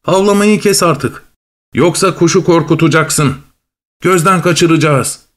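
A clever, bossy storybook cat, put on by a male reader, raised well above his own voice. She gives orders with urgency and sharp resolve. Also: a little high, unhurried, pitched above the performer's own voice, close to an everyday voice. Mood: scolding. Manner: urgent, commanding. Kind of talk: storybook reading.

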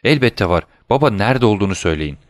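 A man's voice: fairly low pitch, animated, quick pace, dry recording, studio quality, close to an everyday voice. A man reading aloud as a young sailor, earnest and emotional with his old father. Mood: eager. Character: young male sailor, eager and devoted son.

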